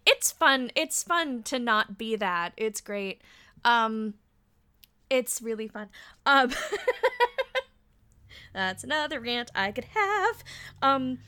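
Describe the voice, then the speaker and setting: Bright, animated woman in her thirties. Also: a little high, slow, pauses often, clean tone. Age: 30s. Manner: animated, laughs often, swears freely. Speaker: podcast guest. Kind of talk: casual chat.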